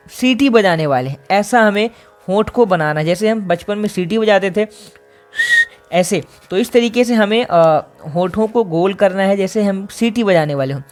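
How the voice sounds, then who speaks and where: A man teaching a singing lesson, explaining vocal exercises patiently step by step. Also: high voice.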